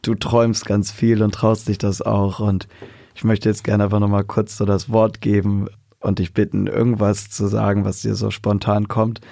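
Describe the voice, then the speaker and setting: A man hosting a podcast interview, gentle and affirming toward his guest. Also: on the low side, vocal fry, no echo, studio quality. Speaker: podcast host.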